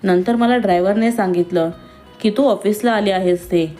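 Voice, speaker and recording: A woman's voice: mid-range voice, normal speed, dark tone, natural voice. A woman voicing a stern young male office boss who scolds sharply and raises his voice, with faint music behind. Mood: irritated.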